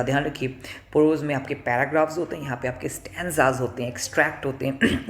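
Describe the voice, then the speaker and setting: A man teaching an exam-prep lesson, mixing Hindi and English. He explains step by step, poses rhetorical questions and answers them, and often clears his throat. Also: fairly high pitch, a little hiss or hum. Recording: echoey room.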